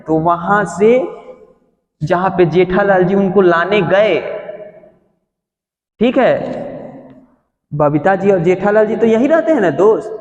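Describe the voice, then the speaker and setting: A man's voice: high voice, darkish tone. A male physics teacher giving a classroom lesson, explaining through everyday stories and constantly quizzing his students. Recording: echoey hall, dull sound.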